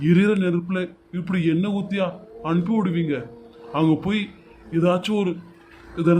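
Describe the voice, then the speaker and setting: Man as a pleading younger brother, earnest, slightly high voice, homemade serial drama. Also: dark tone, slight background noise, lightly acted. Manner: pleading, repeats "brother" at every line end.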